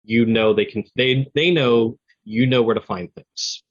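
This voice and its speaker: A man speaking as an interview guest, explaining his software product in a conversational, explanatory way. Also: mid-range voice, unhurried, dull audio.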